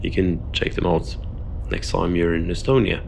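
A man in his thirties talks through a casual travel vlog in a low, gravelly voice, taking his time. He is relaxed and chatty, throwing in wry asides about himself. A faint hum of room and street sound sits under the handheld camera mic. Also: moderate pace. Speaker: travel vlogger. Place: indoors in a hostel, then outdoors in snowy streets and on a bus.

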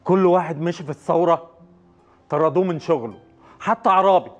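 A man's voice: fairly high pitch, fairly quick, soft background music, close to an everyday voice. An actor playing a choked, despairing Egyptian father. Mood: bitter. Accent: Egyptian Arabic. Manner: choked, breathless outbursts. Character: despairing middle-aged father, bitter over losing his job. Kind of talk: Egyptian TV drama acting.

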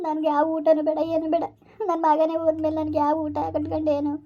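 A woman's voice: high voice, completely flat delivery, fast talker, dull audio, lightly acted. A woman playing a sobbing village mother. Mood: despairing. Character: grieving village mother who lost her son. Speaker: adoptive mother. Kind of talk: village family drama acting.

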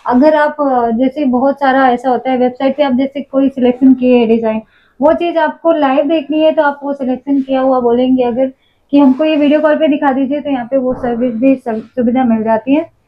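A woman hosting a promotional shop video, explaining options to viewers with drawn-out fillers. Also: sits high, fairly even intonation. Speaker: host presenting a wholesale shop. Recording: dull lo-fi sound.

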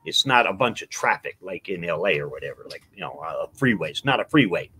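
Middle-aged man, casual storyteller, very lively pitch. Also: fairly quick, breathy edge. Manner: storytelling, animated, acts out quotes. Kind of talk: casual chat.

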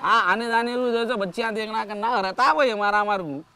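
A man's voice: high-pitched, fairly quick, sharp tone, a little hiss or hum. A man with a Hyderabadi accent playing a cheeky, argumentative scooter rider in a comedy sketch.

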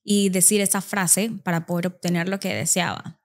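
A woman speech therapist guest, explaining methods in a calm, methodical way. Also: on the low side, normal speed. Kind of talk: explanatory podcast conversation.

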